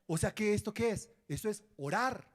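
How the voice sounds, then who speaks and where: A man's voice: high-pitched, animated, moderate pace. A man preaching a sermon as pastor, acting out prayers and dialogues and quizzing his congregation.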